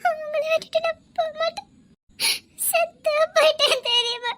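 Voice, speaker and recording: An actress gives voice to a devoted young wife from the Tirunelveli area, weeping and pleading at her husband's side. Her voice sits very high and rings bright. Sobs and shaky half-laughs keep running through her words. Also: unhurried, slight background noise. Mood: tearful. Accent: Tirunelveli Tamil.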